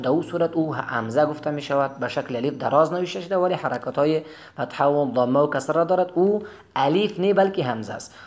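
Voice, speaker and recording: A man teaching Quran reading, drawing each letter sound out slowly between quicker explanations. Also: on the high side. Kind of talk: recorded lesson.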